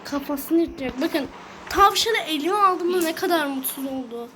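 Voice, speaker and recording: A woman's voice: sits high, lively intonation, normal speed. A woman giving casual gameplay commentary, chatting directly to her viewers. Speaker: gaming video host. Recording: noisy with clicks.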